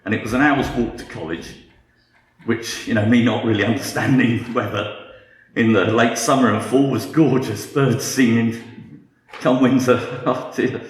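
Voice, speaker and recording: A man's voice: mid-range voice, moderate pace, echoey room. A British man in his fifties giving a humorous talk with dry, self-mocking wit. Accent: British English. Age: 50s. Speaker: guest speaker.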